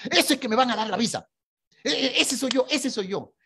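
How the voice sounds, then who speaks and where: A man voicing an excited, hopeful man who insists over and over on getting his visa. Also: quick pace, a little hiss or hum. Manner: high-pitched, insistent, repeating himself.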